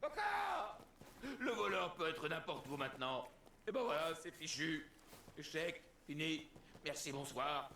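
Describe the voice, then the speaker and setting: An actor voicing a boastful male war god in a video game, theatrical and quick to swing between gloom and bluster. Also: fairly high pitch, sing-song, pushed and bright, echoey room, a little hiss or hum, full character voice. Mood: dramatic despair. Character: boastful grown male war god, bird-brained and sulky. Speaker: game character.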